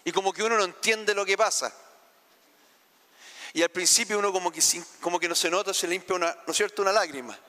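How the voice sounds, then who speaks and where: A Chilean pastor preaching a heartfelt sermon, asking the congregation questions. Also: male voice, high-pitched, fast, sharp tone, long reverb tail. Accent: Chilean Spanish. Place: church sanctuary.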